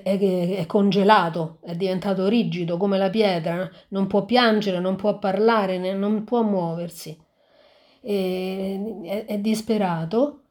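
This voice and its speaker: A woman reading a fairy tale aloud and pausing to reflect on it, talking in a halting way with frequent restarts. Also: medium pitch, warm tone. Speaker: storyteller.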